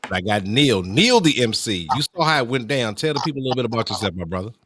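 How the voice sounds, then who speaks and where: A man's voice: medium pitch, animated, quick pace, background noise. A man casually hosting a talk show and introducing guests in an informal, conversational way.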